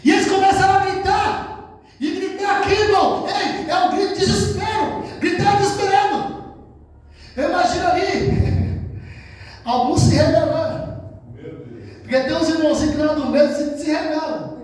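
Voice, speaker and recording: Brazilian male preacher, loud and sing-song, jokey; distant mic in a long-reverb church hall. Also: very high voice, fairly even intonation, normal speed, long pauses. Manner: shouting, sing-song, joking. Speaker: pastor. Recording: echoey hall from far off.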